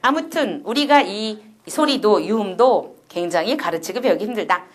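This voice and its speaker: A middle-aged woman gives a recorded university lecture, explaining things step by step and often putting rhetorical questions to her listeners. Her mid-range voice is animated and moves at a moderate pace.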